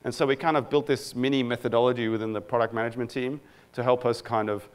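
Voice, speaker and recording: A man's voice: medium pitch, fairly even intonation, fast, clean tone. Casual man giving a conference talk. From Egypt. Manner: casual, self-deprecating presenter with frequent fillers. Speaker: product manager. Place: conference room before a live audience.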